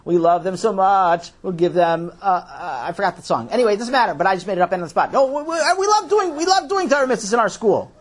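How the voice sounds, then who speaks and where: A man's voice: sits high, animated, fast talker, hardly any pauses. A man voicing an eager, chatty young boy who rambles in a sing-song way, for a children's audio story. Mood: indignant.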